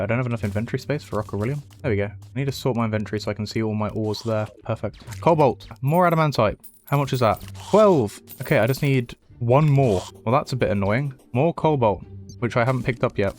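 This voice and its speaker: A man talking casually over his own gameplay, chatty and self-mocking with sarcastic asides. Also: mid-range voice. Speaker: gaming YouTuber.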